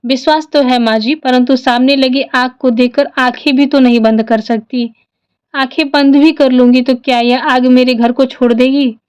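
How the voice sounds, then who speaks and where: A grieving young wife pleading in tearful prayer in a devotional storybook, as a woman narrator puts her on. Her voice is high and smooth. The sound is dull and lo-fi. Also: steady tone, moderate pace, darkish tone, lightly acted. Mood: despairing.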